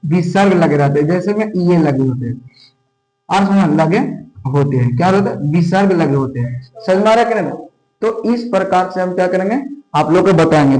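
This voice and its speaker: A man teaching grammar to a class, speaking with a fairly high voice. He keeps asking his students questions and then repeats the answers himself. The sound carries a noticeable room echo. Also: darkish tone. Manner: repetitive call-and-response questioning. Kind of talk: classroom lecture. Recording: roomy echo.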